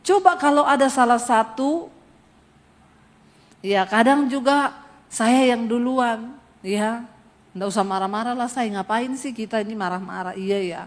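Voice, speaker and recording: A middle-aged woman pastor preaching an animated sermon with humor and rising emphasis in a church. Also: fairly high pitch, measured pace, long pauses. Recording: long hall reverb.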